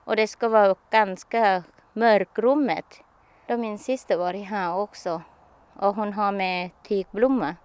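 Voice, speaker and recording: A woman tells her own story to an interviewer in an unhurried, personal way. Her sentences are simple and halting, full of restarts as she gropes for words. Her voice sits in an ordinary middle register for a woman. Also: mid-range voice, steady tone, darkish tone, clean tone.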